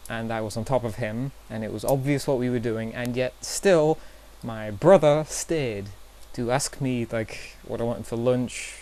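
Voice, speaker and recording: A man's voice: medium pitch, a little mellow. Chatty young man telling stories. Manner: chatty and self-deprecating, with nervous fillers. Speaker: vlogger. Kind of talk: casual storytelling vlog.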